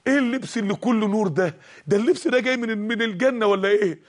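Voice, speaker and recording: A man's voice: high voice, racing. A man doing a stammering, lost young Egyptian man. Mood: amazed. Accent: Egyptian Arabic. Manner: stammering, earnest pleading.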